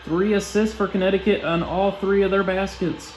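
A man's voice: sits high, fairly even intonation, normal speed, reverberant, low-quality recording. A young man giving casual play-by-play commentary over a basketball video game simulation in short clipped phrases.

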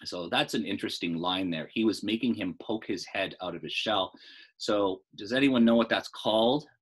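At a normal speed and with a fairly low, slightly rough voice, a middle-aged American man reads a story aloud expressively, teacher-fashion. Casual explanatory asides turn it into an informal lesson.

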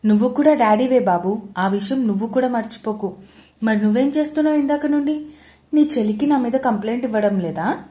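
A woman voicing Surya, a playful young husband and brother who teases in quick, loud, mock-aggrieved bursts. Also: a little high, close to an everyday voice. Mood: teasing.

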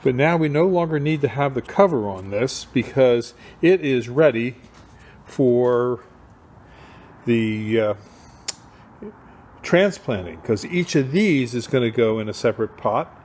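A man's voice: mid-range voice, animated, unhurried, long pauses, a little mellow. A man showing how he grows plants from cuttings, explaining in a plain, casual way with the odd filler. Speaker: farm grower. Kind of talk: casual demonstration.

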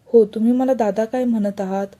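A woman's voice: fairly high pitch, steady tone, fairly quick, warm tone, natural voice. A woman reading the lines of a cheerful young man, an eager younger brother who mixes English words into his talk. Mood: friendly. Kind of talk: storybook reading.

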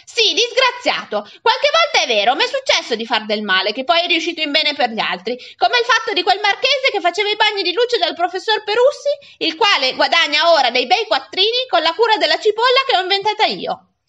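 A woman reading aloud and voicing a defiant young boy who protests loudly and emphatically. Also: very high voice, very animated, brisk, lo-fi sound, pitched above the performer's own voice, exaggerated voice. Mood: indignant.

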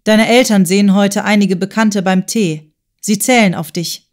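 A tormented, proud male writer in an audiobook, read by a woman. He talks with urgent, strained insistence. The pitch stays at a plain middle level. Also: fairly even intonation, normal speed, natural voice. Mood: earnest. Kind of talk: audiobook character voice.

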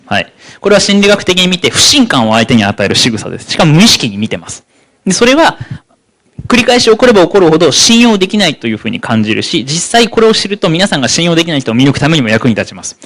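A man giving a psychology seminar talk, speaking rapidly and slowing down for key points. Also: fairly high pitch. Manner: rapid, animated delivery that slows for key points. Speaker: lecturer on psychology.

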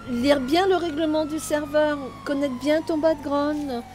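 A woman's voice: sits high, steady tone, measured pace, darkish tone, a little hiss or hum. A woman streaming a role-play game, commenting casually as she plays. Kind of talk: casual commentary while gaming.

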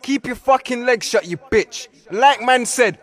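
A man's voice: very high-pitched, unhurried, fairly bright tone. A man with a South London accent, trash-talking rivals in a profane, mocking diss skit. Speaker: rapper.

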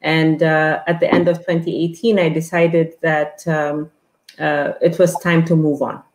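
A woman's voice: deep voice, flat delivery, a little slow, darkish tone, reverberant, a little hiss or hum. A middle-aged woman from Ethiopia, a guest on an online interview, talking with many fillers and restarts over an earbud headset. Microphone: earbud headset on a video call.

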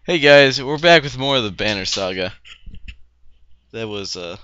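The lo-fi clip features a young man hosting a casual gaming let's-play, his medium-pitched voice animated, pushed and bright at a measured pace. He wryly barks playful orders at the characters over background chiptune music and a running shower.

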